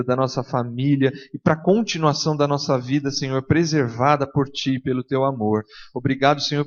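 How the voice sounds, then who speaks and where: A man leads a church's closing prayer in an earnest, steady cadence, his voice sitting at an ordinary middle pitch. The recording is dull and lo-fi, taken in a church hall. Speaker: church leader closing the service.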